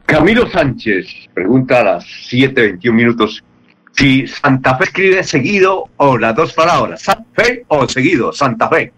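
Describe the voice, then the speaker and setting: A man hosts a radio call-in show at a middle pitch. He reads listeners' questions aloud and keeps his prompts to the guest short and plain. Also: expressive, a little slow, fairly bright tone, slightly rough. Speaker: radio host.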